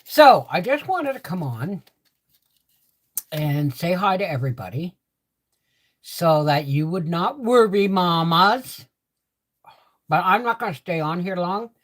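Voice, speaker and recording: A woman's voice: fairly low pitch, slow pace, long pauses. An older woman chatting casually to viewers in a rambling way, repeating herself, her speech affected by a swollen, sore mouth after having teeth pulled. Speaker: livestream host.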